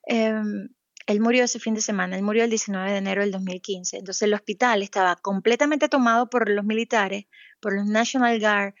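This Venezuelan pediatric cardiologist has a mid-range voice and a steady tone as she reflects on her experiences in an interview. She pauses on fillers, restarts frequently and slows when stressing points. The recording is muffled and has no room sound.

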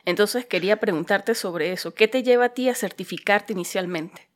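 A woman hosts a podcast interview and keeps the talk friendly and easygoing. She chats with her guest and adds small jokes. Her voice sits at an ordinary middle pitch. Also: normal speed. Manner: friendly, chatty, lightly joking. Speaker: podcast host. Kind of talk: conversational interview.

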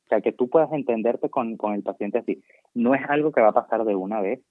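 A man's voice: mid-range voice, fairly quick, no room sound. Venezuelan man on a tinny phone line. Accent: Venezuelan Spanish. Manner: chatty, digressive, self-mocking. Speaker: guest doctor working abroad. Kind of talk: casual interview chat.

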